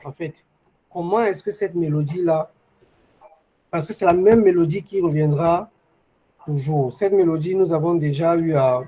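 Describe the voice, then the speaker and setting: A man's voice: a little high, warm tone, slight background noise, rough recording. A man teaching a language lesson over a video call, patiently repeating examples as he explains. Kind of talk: online class explanation.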